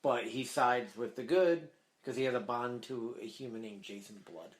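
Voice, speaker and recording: A man with a mid-pitched voice co-hosting a casual podcast, laid-back and quick to laugh, dropping casual swears. His voice sounds in an echoey room. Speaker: podcast co-host.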